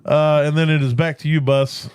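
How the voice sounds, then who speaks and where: A man hosting a casual fantasy football podcast, joking around and reading off draft picks in quick lists. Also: a little high, flat delivery, a little mellow, clear, resonant tone, no room sound. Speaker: podcast host.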